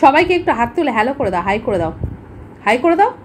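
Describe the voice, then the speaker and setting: High lively woman cooing at her dog. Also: racing, a little hiss or hum. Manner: coaxing baby talk to the dog, teasing and laughing. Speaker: dog owner filming her pet. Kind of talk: casual pet vlog, talking to a dog. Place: home.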